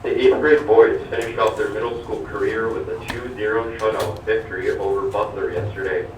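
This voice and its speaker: A man's voice: on the low side, level tone, moderate pace. A man reading morning announcements over a school intercom, steadily listing names and notices. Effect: over a school intercom loudspeaker. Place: classroom hearing the intercom. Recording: echoey loudspeaker heard from far off with background noise.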